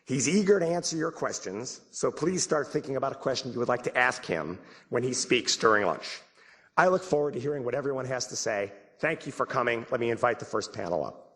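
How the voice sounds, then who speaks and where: An American man with a husky voice from getting over the flu, giving a prepared welcome speech as conference host. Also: mid-range voice, expressive, brisk, a bit bright.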